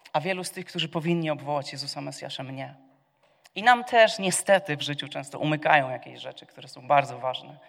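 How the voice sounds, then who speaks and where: A man preaching a sermon, asking his congregation questions and answering them himself, moving between quiet asides and loud cries. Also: on the high side, creaky. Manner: swings from soft to loud, shouting the cries. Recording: long reverb of a church hall.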